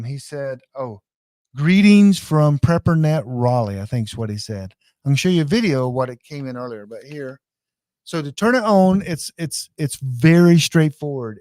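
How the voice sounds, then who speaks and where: Indoors, a man presents an online class, giving a casual, hands-on live tutorial on radio gear in a folksy, informal style and speaking straight to his viewers. His voice is fairly high and a little mellow, with no room sound.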